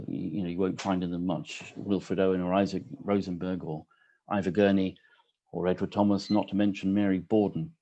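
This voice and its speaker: A man's voice: on the low side, mellow. A man in his sixties hosting an online poetry reading from his home kitchen over a video call, speaking casually with many ums and restarts. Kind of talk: casual welcoming remarks. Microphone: computer on a video call.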